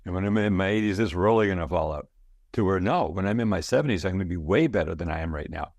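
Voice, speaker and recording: A man in his sixties, a product founder appearing as an interview guest, talks fast in a low, slightly mellow voice with no room sound. He's casual and enthusiastic, telling stories and frequently repeating words.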